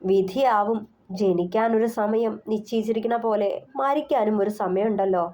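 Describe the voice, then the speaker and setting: A woman's voice: mid-range voice, moderate pace, warm tone, lightly acted. Lady doing a worried widowed mom, tender and fretting, audiobook voice. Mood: sorrowful. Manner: fretful, affectionate. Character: widowed mother, middle-aged, worried and tender.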